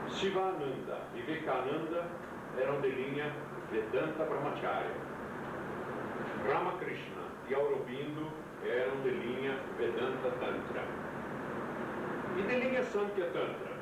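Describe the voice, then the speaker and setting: A man's voice: fairly high pitch, animated, a little slow. A man giving a classroom lecture, quizzing his students, heard from an old VHS tape recording. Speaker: yoga teacher. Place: lecture room. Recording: hissy old VHS tape, far mic, echoey room.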